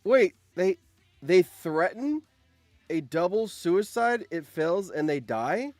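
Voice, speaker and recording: A male live-stream host reads game results aloud with animated, excitable commentary and surprised exclamations. His voice is high and his pace slow, with no echo and faint music in the background.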